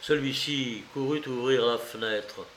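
A man narrating a classic novel aloud in a slow, measured storytelling manner. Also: mid-range voice, a bit bright, roomy sound, slight background noise. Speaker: audiobook narrator. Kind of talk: literary novel reading.

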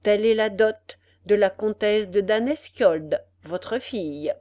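A woman's voice: mid-range voice, slow pace, mellow, natural voice. Woman reading a formal kindly general.

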